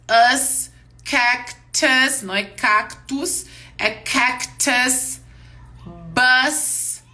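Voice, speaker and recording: Bright-voiced woman teaching pronunciation slowly. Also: on the high side. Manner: slow, drawn-out model words; checks in with "yes?" and "ok?". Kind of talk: live online class. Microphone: live-stream mic.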